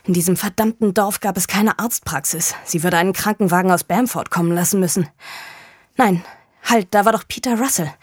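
A woman reading a crime novel aloud in a measured, grave storytelling manner. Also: medium pitch, no echo. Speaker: audiobook narrator. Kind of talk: scripted narration of a crime novel. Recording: dry close studio sound.

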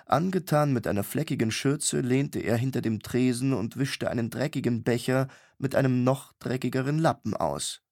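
A man narrates a fantasy audiobook in a steady, measured voice of middle pitch. His delivery is even and unhurried, plainly scripted storytelling. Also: creaky, dry recording, studio quality.

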